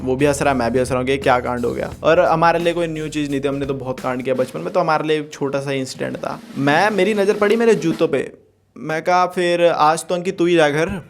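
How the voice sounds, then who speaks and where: A man's voice: a little high, creaky. A young man telling a storytime anecdote in a casual, joking way, swearing freely and chuckling as he goes. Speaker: storytime vlogger.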